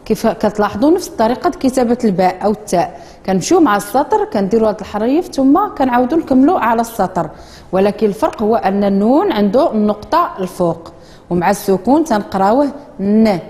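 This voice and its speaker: A Moroccan woman teaches a reading lesson, stretching each word out slowly and clearly so young pupils can copy it. Her voice rings in a classroom with a long reverb. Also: fairly high pitch, animated, dark tone. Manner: slow, drawn-out modeling of words for children. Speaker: primary school teacher.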